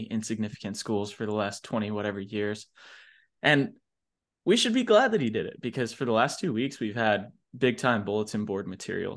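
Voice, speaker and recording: Lower voiced guy cohosting a football show, punchy, makes his point hard. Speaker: podcast co-host. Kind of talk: casual sports chat.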